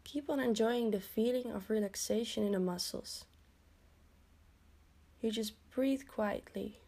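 Woman, relaxation guide; unhurried, mellow, soothing delivery. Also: fairly high pitch, gravelly. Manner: slow, soothing, instructional. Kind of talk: guided progressive muscle relaxation.

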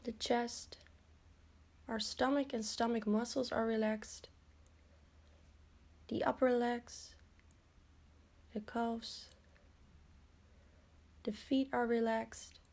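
Woman, relaxation guide; unhurried, mellow, soothing delivery. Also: fairly high pitch, level tone, creaky. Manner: slow, soothing, instructional. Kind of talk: guided progressive muscle relaxation.

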